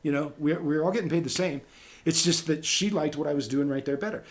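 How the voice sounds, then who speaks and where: His voice sits on the high side and moves quickly. A voice actor who hosts a podcast, he tells voice-acting stories in a casual talk-show chat, animatedly performing the lines he quotes.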